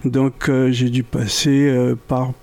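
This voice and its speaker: Slow, gravelly man from French Guiana. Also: medium pitch, little pitch movement, a little mellow. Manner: slow, halting, many repetitions. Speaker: musician guest. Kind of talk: radio interview.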